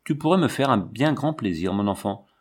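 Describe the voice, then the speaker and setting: Kindly elderly uncle, gentle and fond, read by the narrator. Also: male voice, mid-range voice, lively intonation, a little fast, lightly acted. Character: kindly old uncle of seventy-five.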